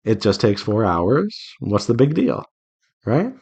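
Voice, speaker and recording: In a draw-along devlog, a visual novel developer rambles to his viewers as he draws, talking himself through things reassuringly. His voice sits on the low side, with wildly swooping pitch, a measured pace, and a slightly rough, a little mellow quality.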